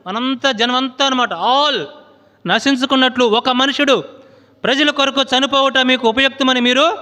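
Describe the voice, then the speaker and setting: A male pastor preaching in a church hall. His voice sits very high and sounds bright and forceful. He keeps asking the congregation questions, restarts his phrases and lets a long reverb trail after his words. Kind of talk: sermon.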